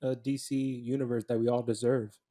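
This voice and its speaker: A man's voice: medium pitch, little pitch movement, brisk, mellow. Easygoing man chatting on a podcast. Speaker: podcast co-host. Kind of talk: casual chat.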